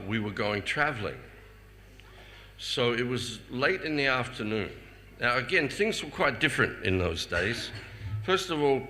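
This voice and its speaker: Older man with a bright, forceful voice telling stories. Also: lowish voice. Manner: chuckling often, stammering repeats when excited. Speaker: speaker sharing personal memories. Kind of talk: storytelling anecdotes to an audience. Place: festival hall before a live audience. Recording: reverberant hall with faint ambient noise.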